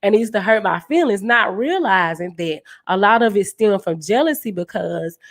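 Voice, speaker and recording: Speaking as a dance team leader, a woman with a deep voice hosts a casual podcast conversation. She comes across as earnest, encouraging and animated, talking at a moderate pace.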